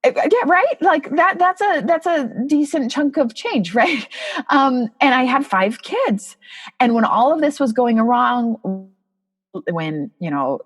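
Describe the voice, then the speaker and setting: A woman in her thirties, a podcast guest, telling a personal story in an expressive, emotional, conversational way. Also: high voice, slow, breathy edge. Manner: expressive, emotional, animated retelling.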